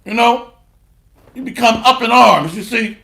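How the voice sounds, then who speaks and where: A man's voice: extremely high pitch, unhurried, creaky, sharp tone, roomy sound. A man preaching a blunt, mocking sermon with scripture readings and rhetorical call-outs.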